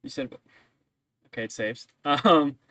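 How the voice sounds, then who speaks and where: A man working as game master of a tabletop role-playing game, narrating casually in a halting, hesitant way. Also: mid-range voice, a bit bright, a little hiss or hum.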